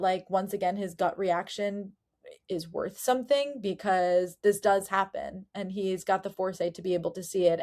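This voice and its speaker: A woman hosting a casual book-discussion podcast, chatty and animated, with fillers. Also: mid-range voice. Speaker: podcast host.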